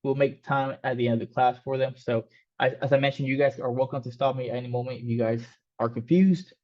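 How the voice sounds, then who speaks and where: With a steady, mid-range voice and a quick pace, a man from Mexico, Spanish being his first language, runs an online coding class. He keeps it casual and loose, with lots of fillers and restarts, and the audio sounds somewhat dull and lo-fi.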